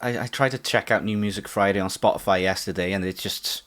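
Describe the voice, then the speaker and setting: Welsh bloke cohosting a podcast, lowish voice, dry sarcastic jokes. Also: male voice, fairly even intonation, fast talker, a bit bright. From Wales. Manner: dry, sardonic quips. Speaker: podcast co-host. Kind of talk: casual chat.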